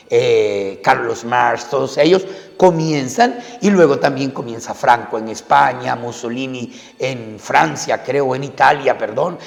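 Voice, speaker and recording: A man's voice: medium pitch, gravelly. Man preaching with long hall reverb. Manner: lecturing, asks and answers rhetorical questions. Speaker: pastor. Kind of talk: sermon.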